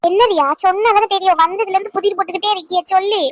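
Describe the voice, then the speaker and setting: Woman doing a worried cartoon village mom, laments and scolds, super high voice, dry sound. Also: steady tone, racing, no room sound. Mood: anxious. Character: fretful middle-aged village mother. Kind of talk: Tamil cartoon voice acting.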